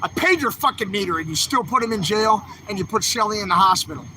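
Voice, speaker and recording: A man pours out a fiery, repetitive rant into a handheld phone on a city street. His voice is high and piercingly bright, and faint traffic hum sits behind him. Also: expressive, fast, rough recording. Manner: fiery, repetitive, angry exhortation. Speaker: livestreamer filming a street protest. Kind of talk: impassioned livestream rant. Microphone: handheld phone camera.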